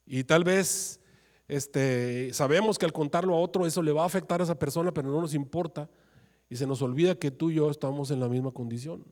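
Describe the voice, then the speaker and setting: A man preaching a sermon as pastor, swinging from raised pleading to soft, low asides. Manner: preaching with sudden rises into pleading, acted quotes of prayer.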